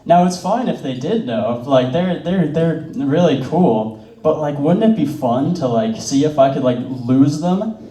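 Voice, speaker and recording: Animated yet measured, a young man with a higher-leaning, mellow voice spins rambling stand-up stories. Fillers crowd his speech and he laughs at his own jokes, heard through a faraway mic in a roomy room.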